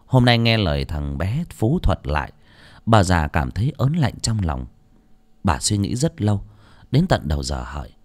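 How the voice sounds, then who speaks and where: A man narrating an audiobook story in an expressive, dramatic reading style. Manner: expressive, dramatic reading with wide pitch swings.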